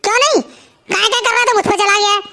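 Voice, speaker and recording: A woman voicing a sharp-tongued village mother in a cartoon who snaps back at her husband. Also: very high-pitched, fairly even intonation, fast talker, exaggerated voice. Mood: bickering.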